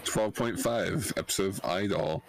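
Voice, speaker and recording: A man's voice: low voice, unhurried, rough recording. A man co-hosting a podcast, talking casually about a show with his fellow fans. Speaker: podcast co-host.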